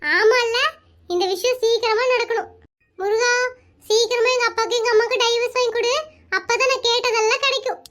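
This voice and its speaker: A naive cartoon boy full of questions, voiced by a performer. The voice is pitched extremely high, with a fast, bright chatter. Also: steady tone. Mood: curious. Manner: curious, questioning. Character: curious young boy, naive. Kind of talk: animated comedy cartoon voicing.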